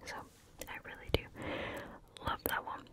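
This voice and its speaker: A woman whispers softly, right up at the listener's ear, in an ASMR style. Her delivery is a casual, chatty monologue, kept fully hushed and unvoiced. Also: normal speed. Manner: soft, close-up whisper in the ear. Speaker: ASMR video host. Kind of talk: whispered ASMR chat about favorite music.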